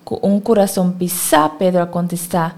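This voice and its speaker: A woman reading a Bible story aloud in a steady, careful way. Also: lowish voice, moderate pace.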